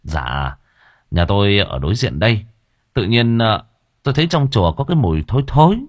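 A man's voice: lowish voice, very animated, brisk, dry recording, clean studio sound. A man voicing a humble male villager who reports politely and hesitantly in a storybook. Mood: deferential.

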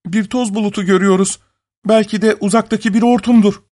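A man voicing young sisters who call out from castle walls in a high voice. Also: fairly even intonation, a little fast, darkish tone, natural voice. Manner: high, calling out.

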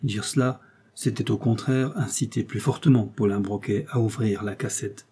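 A man reading a novel aloud in measured, steady scripted narration. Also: lowish voice, breathy edge. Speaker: audiobook reader.

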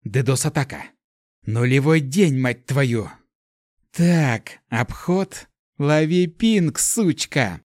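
A man voicing a shrill bratty dragon girl. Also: big pitch swings, measured pace, no room sound, clean studio sound. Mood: furious. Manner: shrill, shouting, swearing. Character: bratty hot-tempered dragon elemental in girl form.

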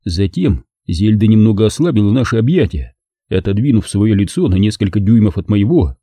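A man narrating a first-person audiobook in a measured, expressive reading. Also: lowish voice, no room sound, clean studio sound.

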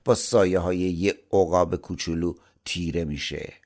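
A man voicing a menacing male demon who shouts his demands in a booming voice. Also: steady tone, close to an everyday voice. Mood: scornful.

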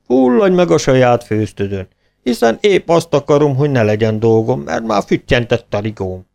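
A man's voice: medium pitch, sing-song, vocal fry, dark tone, voice pushed up. A man voicing a mischievous kitchen helper in a storybook, muttering sneering thoughts.

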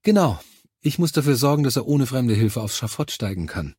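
A male audiobook reader voicing a brisk, practical female military doctor who talks in a firm, matter-of-fact way. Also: mid-range voice, lively intonation, darkish tone, husky, no room sound, studio quality, voice pushed up. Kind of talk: audiobook character voice.

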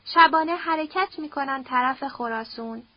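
A young man, earnest and patient, coaxing someone in a soft, measured tone, as a woman narrator puts him on. The voice sits lower and quieter than her narration, with a muffled, dry audiobook sound. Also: no echo, natural voice. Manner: measured, soft-spoken pleading. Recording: dull dry audiobook recording.

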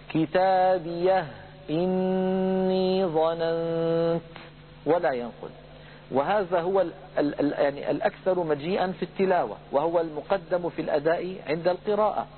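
A middle-aged man teaching Quran recitation, explaining rules calmly to his brothers in the audience and demonstrating verses in a slow, drawn-out chant. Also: on the high side. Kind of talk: religious lesson lecture. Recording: tinny phone-like lo-fi recording with faint hum.

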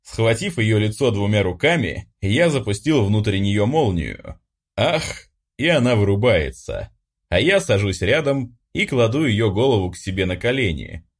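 A man's voice: fairly low pitch, sing-song, a little slow, husky. A male audiobook narrator reading in first person, wry and self-mocking, with mock-theatrical whining.

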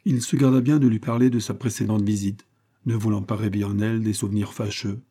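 A man's voice: lowish voice, fast talker, slightly rough. A man reading a classic novel aloud as an audiobook narrator, telling the story evenly and lifting his voice for the characters' lines. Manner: even storytelling, lifts voice for quoted speech. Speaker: audiobook reader.

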